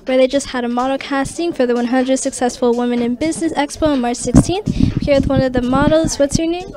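High-voiced radio host woman. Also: fairly even intonation, fast talker. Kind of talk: quick event interview. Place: indoor event room by a banner. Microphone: handheld mic. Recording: noisy crowd chatter behind.

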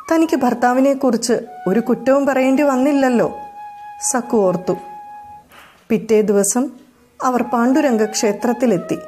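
A woman storyteller reading a scripted devotional story in a calm, even manner. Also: on the high side. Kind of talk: scripted narration.

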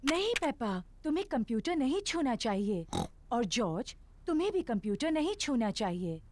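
A woman's voice: a little high, very animated, moderate pace, darkish tone, no echo. A woman voicing a caring, sensible mother pig in a children's cartoon dub. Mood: firm.

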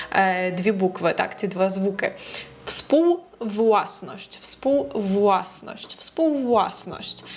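Woman, language teacher for a video lesson; friendly, over-enunciates tricky words slowly, mid pitch. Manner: slow, careful over-enunciation of hard words; chatty and encouraging with viewers.

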